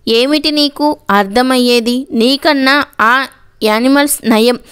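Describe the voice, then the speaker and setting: A woman's voice: high-pitched, slow pace, clean tone. A woman voicing a hot-tempered middle-aged father in an audio story, angry and scolding. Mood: furious. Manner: angry, shouting.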